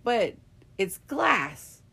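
A woman co-hosting a podcast, telling a story in frank, profane, animated casual chat. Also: mid-range voice, very slow, vocal fry, breathy edge. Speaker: podcast co-host.

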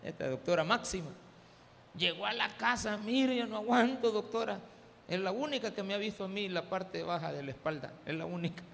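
A man's voice: high-pitched, brisk, gravelly, bright, forceful tone. A male pastor with a Salvadoran Spanish accent, preaching a sermon full of humorous personal stories and calling the congregation "hermano". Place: church service. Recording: church hall with long reverb, faint background noise.

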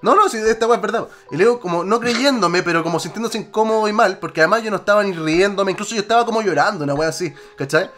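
A Chilean man spins a rambling tale at a quick clip, his voice sitting high for a man. He talks loose and slangy, and faint music plays behind him. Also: a bit bright. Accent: Chilean Spanish. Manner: rambling, slangy, lots of filler tags. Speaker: podcast panelist. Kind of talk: casual storytelling among friends.

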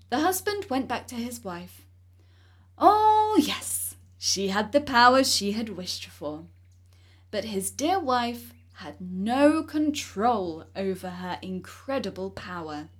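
A woman narrating a fairy tale in an expressive reading voice. Her pitch is high and swings widely. She takes her time over each phrase. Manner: slow, expressive storytelling. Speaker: storyteller.

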